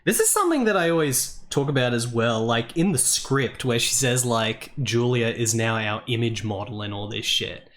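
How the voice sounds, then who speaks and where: Brief: male game streamer, casual and profane, mid-pitched and conversational. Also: animated, normal speed, hardly any pauses, a bit bright. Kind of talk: casual live-stream commentary.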